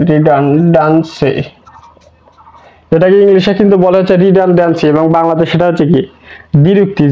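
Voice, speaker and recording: A man teaching an online English grammar lesson, explaining step by step with repeated words and rhetorical questions. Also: fairly high pitch. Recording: dull lo-fi recording.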